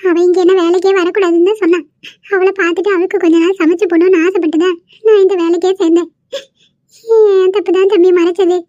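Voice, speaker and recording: A woman's voice: extremely high pitch, steady tone, fast talker, dark tone, dry recording. A woman voicing a tearful elderly grandmother in a cartoon, pleading and worried. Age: older. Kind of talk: cartoon voice acting. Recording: muffled lo-fi recording.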